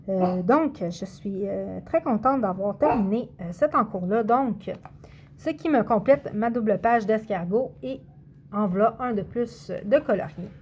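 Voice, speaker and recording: A chatty woman talks straight to her viewers in a relaxed vlog. Her voice sits a little high, and she often pauses to hunt for the next word. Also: husky. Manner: chatty, hesitant, hunts for words. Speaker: coloring channel vlogger. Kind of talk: casual vlog talk to camera.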